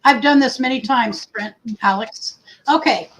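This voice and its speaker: A woman with a big, high and slightly bright voice hosts a casual livestream, rambling and correcting herself with many pauses. The audio quality is poor.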